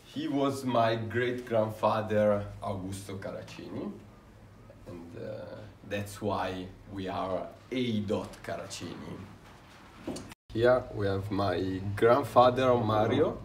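Young Italian tailor, slow, low voice, halting speech, roomy workshop. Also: male voice, slight background noise. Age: young adult. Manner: halting, with frequent "uh" fillers. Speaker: tailor giving a workshop tour. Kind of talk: casual guided tour. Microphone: visitor's handheld camera. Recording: roomy workshop, faint ambience.

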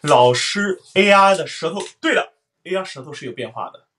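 Man, voice teacher, singing lesson, bright forceful tone, breaks into loud sung vowels. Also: on the high side, lively intonation, moderate pace. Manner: explains then sings vowels, loud sung demonstrations.

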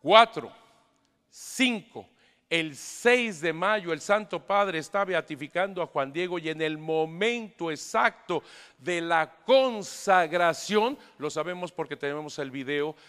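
A middle-aged man, a priest, telling a story to a live audience in an animated, emphatic way with joking asides. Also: fairly high pitch, slow, smooth. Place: large hall with an audience. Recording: echoey hall.

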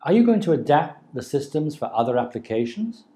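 A man's voice: a little high, sing-song, brisk, dark tone. A man in his fifties hosting a scripted broadcast interview in a TV studio, speaking into a lapel mic. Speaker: interviewer and programme host.

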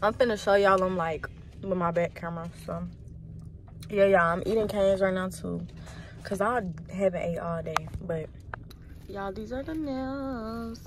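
A woman's voice: medium pitch, unhurried, slight background noise. A young woman talking casually to her phone camera, chatty and slangy, swearing freely. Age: young adult. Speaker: vlogger. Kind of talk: casual vlog chat. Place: store fitting room, car, crowded outdoor fair. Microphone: phone held close. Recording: loud music and crowd behind at the fair.

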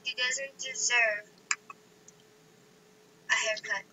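High-pitched teasing woman, muffled and noisy. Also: steady tone, extremely slow. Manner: teasing, silly. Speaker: friend in the room. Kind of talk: casual banter. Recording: dull, noisy, off-mic.

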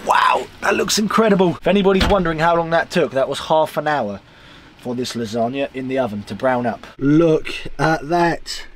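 A young man chatting excitedly to camera as a van life vlogger inside his small camper van. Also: fairly high pitch, normal speed, a little hiss or hum. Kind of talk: casual vlog narration to camera. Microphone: camera held or set close.

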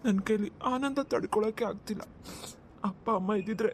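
A loving elder brother from a cartoon, as a woman acts him out, heartfelt and close to tears. His voice sits a little high. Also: fairly even intonation, normal speed, warm tone, a little hiss or hum, natural voice. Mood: tearful. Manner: tearful, fond, heartfelt. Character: tender elder brother of the bride, emotional. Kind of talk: cartoon voice acting.

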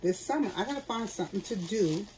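A woman's voice: mid-range voice, animated, fast talker, mellow, slight background noise, low-quality recording. A middle-aged woman, chatting candidly to her viewers while seated at home. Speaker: vlogger. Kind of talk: casual chat.

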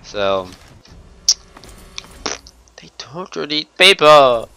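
A man's voice: fairly high pitch, very animated, extremely slow, gravelly, bright, forceful tone, smooth, dry recording. A young man commenting on his gameplay, rambling, swearing and taunting enemies, hiccuping now and then. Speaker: let's play gamer.

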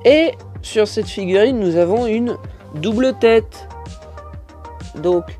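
A man's voice: high voice, slow pace, mellow, soft background music. A man with a French accent casually reviewing a toy set, hesitant with many fillers and lots of detail.

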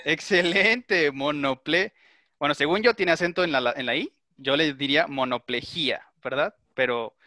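Male instructor, middle-aged, slightly high and bright voice, methodical lecturing style. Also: normal speed, dry recording, studio quality. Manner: methodical, explains step by step and checks understanding. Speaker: teacher. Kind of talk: online class lecture with questions to students.

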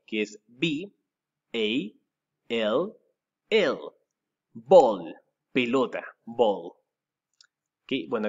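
Chilean man as a school English teacher, unhurried and animated delivery, muffled lo-fi sound. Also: medium pitch. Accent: Chilean Spanish. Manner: spells words letter by letter, repeats them slowly with rising stress. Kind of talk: recorded vocabulary lesson for pupils.

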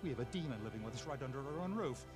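Actor as a frightened, angry foster dad in a game cutscene, mid-pitched, urgent and harsh, soft music behind. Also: male voice, expressive, close to an everyday voice. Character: stern foster father, fearful and angry. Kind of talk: video game cutscene acting.

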